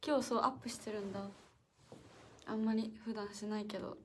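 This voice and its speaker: A young woman hosting a casual solo livestream. She is chatty and playful, reads out viewer comments, laughs often and sometimes drops to a soft whisper. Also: medium pitch, little pitch movement, a little fast, a little hiss or hum. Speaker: idol livestream host. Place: indoor room with a piano.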